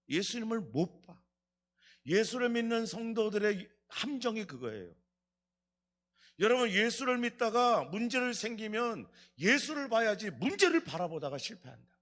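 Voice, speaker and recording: Fervent high-pitched male preacher. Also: sing-song, measured pace, a bit bright. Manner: fervent preaching, questioning the congregation and acting out quotes. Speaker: pastor. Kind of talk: Friday night revival sermon. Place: church sanctuary.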